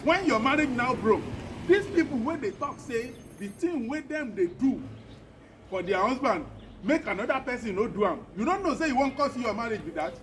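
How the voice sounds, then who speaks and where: A man's voice: very high-pitched, very animated, normal speed, fairly bright tone, a little hiss or hum, heavily acted. A man with a Nigerian Pidgin accent playing a neighbor who lectures the women preachily. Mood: lecturing.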